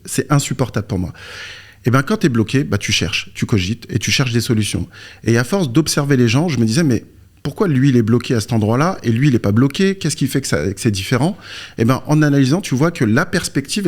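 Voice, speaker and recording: A brisk, animated man with a medium-pitched, darkish tone speaks as an interview guest and coach. Originally from Morocco, he moved to France at age three or four, and he explains informally with personal anecdotes and rhetorical questions.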